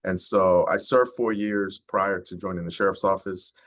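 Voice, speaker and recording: A man in his forties with a very deep, low voice talks to a neighborhood gathering as the county sheriff. His delivery is earnest and heartfelt, reflective and sincere as he addresses the community. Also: steady tone, moderate pace, fairly bright tone. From United States. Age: 40s. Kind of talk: community talk to a neighborhood group.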